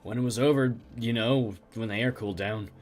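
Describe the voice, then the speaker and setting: A man voicing a haunted middle-aged male survivor who speaks in a halting, stammering way. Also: mid-range voice, faint music behind, pitched below the performer's own voice, natural voice. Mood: shaken.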